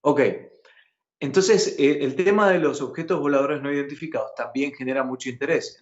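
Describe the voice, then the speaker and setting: This Argentine news host, whose voice runs on the high side, speaks Spanish with an Argentine accent during a live news chat. Animated and emphatic, he asks his co-host questions, and the broadcast audio is muffled with a roomy feel.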